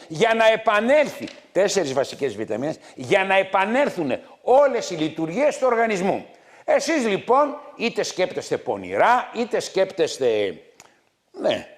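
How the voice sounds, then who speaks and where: Man, TV doctor host, scolding, repetitive, lively swinging pitch. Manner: loud, scolding, repetitive, hammering points. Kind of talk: scolding health talk to viewers.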